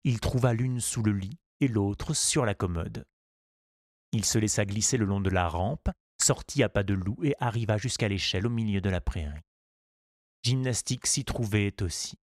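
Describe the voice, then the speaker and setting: A man reading a children's storybook aloud in a calm, measured and gently expressive way. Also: lowish voice, dry recording, clean studio sound. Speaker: audiobook narrator. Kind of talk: scripted storybook narration.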